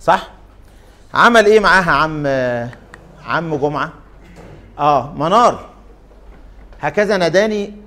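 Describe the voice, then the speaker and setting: A man with an Egyptian Arabic accent lectures to a class in a fairly high voice. He keeps tossing questions to the students and drags out his fillers while he thinks. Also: expressive, unhurried, pauses often, pushed and bright. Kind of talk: interactive lecture.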